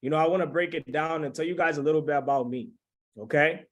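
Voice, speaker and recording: A man's voice: a little high, fast talker. A man in his twenties from the Dominican Republic, hosting a motivational webinar over a video call and keeping the audience engaged. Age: 20s. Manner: hyped, keeps checking in with the audience. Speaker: webinar host.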